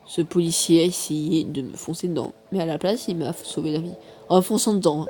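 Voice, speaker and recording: A man's voice: on the high side, fairly quick, dark tone, slight background noise. A man giving casual commentary over his mobile gameplay, rambling and poking fun at himself, recorded on a phone microphone. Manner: rambling, self-mocking, many fillers. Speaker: mobile game YouTuber. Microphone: phone microphone during screen recording.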